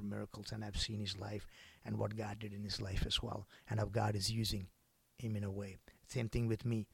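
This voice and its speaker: A man preaching a sermon in a church, swinging between loud exclamations and soft whispered passages. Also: medium pitch, vocal fry, husky, dry recording. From Canada. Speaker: guest preacher.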